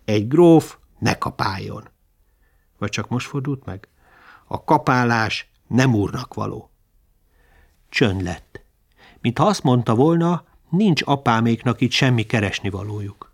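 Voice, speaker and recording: A man narrating a literary memoir in a measured, reflective reading. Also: mid-range voice, expressive, gravelly, husky.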